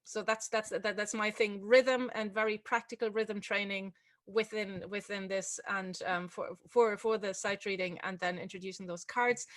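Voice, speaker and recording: A woman's voice: mid-range voice, fairly even intonation, moderate pace, a bit bright. A woman hosting an online music-teaching webinar, chatting casually with many fillers and restarts over a video call. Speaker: webinar host and music tutor.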